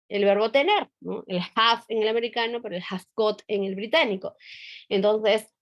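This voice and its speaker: Chatty woman teacher. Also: a little high. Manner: conversational, frequent fillers and tag questions. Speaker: English teacher. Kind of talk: online teacher training talk.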